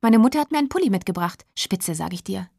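A woman's voice: mid-range voice, lively intonation, quick pace, vocal fry, darkish tone, slightly rough, no room sound, clean studio sound. A woman voicing a chatty, self-absorbed teenage schoolgirl in a storybook reading, gushing and whiny.

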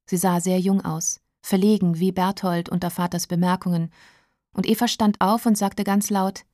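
A woman narrating a novel as an audiobook, calm and measured. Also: fairly low pitch, dry recording, clean studio sound.

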